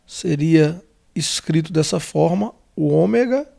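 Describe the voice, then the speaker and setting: A Brazilian man teaching a lesson, walking through letters slowly and carefully, repeating names and checking in with the listener. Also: on the high side, expressive, vocal fry, dark tone. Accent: Brazilian Portuguese. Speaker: theology teacher. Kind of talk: whiteboard lesson on the Greek alphabet.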